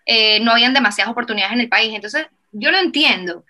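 A woman with a Venezuelan accent chats on a casual podcast, animated and talkative. Her voice is bright and sharp and sits a little high. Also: fast. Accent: Venezuelan Spanish. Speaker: podcast co-host.

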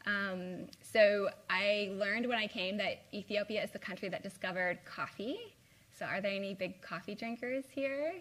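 A young woman from Indiana in the American Midwest, a guest speaker, gives an informal live talk to a small university group in a lecture room. Her medium-pitched, slightly bright voice moves at a moderate pace, and she's chatty, with plenty of "like" and "um."

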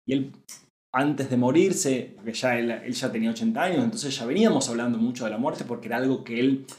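A man's voice: medium pitch, fairly quick, a little mellow, reverberant. A man in his thirties with an Argentine Spanish accent, giving an earnest, searching spiritual talk as a podcast host, with many fillers and asides. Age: 30s.

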